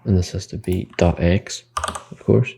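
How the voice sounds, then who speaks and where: A man's voice: low-pitched, fairly even intonation, measured pace, creaky, noisy background. A man teaching game development in a screen-recorded coding tutorial. He explains the code step by step, thinks aloud and corrects himself mid-sentence.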